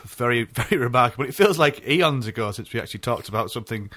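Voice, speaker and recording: A man's voice: medium pitch, expressive, fast talker, pushed and bright, no room sound. Man, dry close sound, chatty podcast co-host, laughs often. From North East England. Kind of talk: casual podcast chat.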